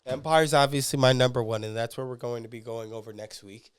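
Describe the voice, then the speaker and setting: A man hosting a podcast, giving excitable, swearing fan commentary with lots of fillers. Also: medium pitch, fairly quick, smooth, no echo. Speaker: podcast host.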